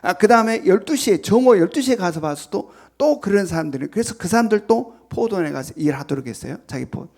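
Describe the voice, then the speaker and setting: A man preaching a Sunday sermon as pastor, retelling a parable dramatically and dropping to hushed near-whispers for emphasis. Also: sits high, lively intonation, fast talker, gravelly, few pauses. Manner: retells a parable with voiced quotes. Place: church sanctuary.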